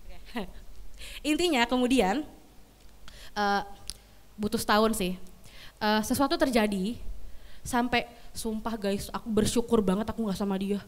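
A young woman giving a casual youth sermon, chatty and animated, slipping English phrases into her storytelling. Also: medium pitch, unhurried, long pauses. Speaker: youth pastor.

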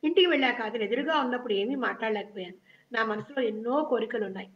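A woman's voice: on the high side, fast, echoey room, lightly acted. A woman reading the lines of a shy, lovesick young princess who frets and reproaches herself, in a children's story reading. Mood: fretful. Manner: fretful, self-reproaching. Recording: dull lo-fi recording.

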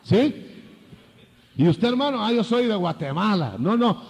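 An older man preaching a sermon, lively, acting out biblical dialogue in changing voices. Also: high-pitched, measured pace, breathy edge, big-room sound.

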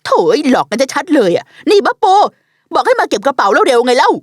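A woman's voice: sits high, big pitch swings, fast talker, dry recording, clean studio sound. A woman voicing a touchy, dramatic middle-aged mother in a dubbed TV drama, talking in an indignant, scolding way. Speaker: dub actor.

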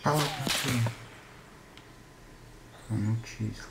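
A man's voice: mid-range voice, very slow. A man commenting casually as he plays a game, given to explosive, exasperated cursing. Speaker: gamer recording own gameplay. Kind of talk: casual gaming commentary while playing. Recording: roomy, clearly noisy home recording with clicks.

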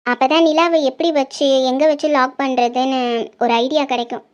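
A woman voicing a scheming young woman in a cartoon who plots in a calculating, hushed way. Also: high voice, steady tone, normal speed, voice pushed down, natural voice. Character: scheming young woman plotting over property. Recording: slightly dull lo-fi audio.

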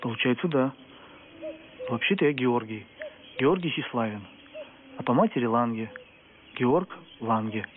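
An actor playing an earnest, reserved young soldier, speaking in a plain, restrained way. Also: male voice, medium pitch, expressive, a little slow, pauses often, close to an everyday voice. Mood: candid. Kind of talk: film acting. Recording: phone-like film audio, faint outdoor noise.

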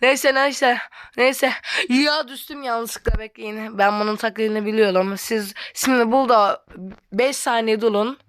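A female gamer giving excitable let's-play commentary, talking straight to her viewers and breaking into loud frustrated outbursts. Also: on the high side, measured pace, no room sound, clean studio sound. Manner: excitable, keeps addressing viewers as friends.

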